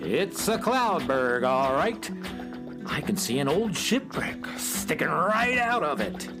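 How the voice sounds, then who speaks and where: A theatrical ship's captain in a children's radio play. The speech is slow and swoops widely in pitch, over loud music. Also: female voice, big pitch swings, heavily acted, rough recording. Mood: concerned. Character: unhurried captain of a flying dream ship.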